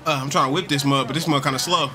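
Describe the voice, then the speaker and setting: A man's voice: mid-range voice, steady tone, racing. A young man streaming a game, reacting with loose, joking slang commentary. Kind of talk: casual live gameplay commentary.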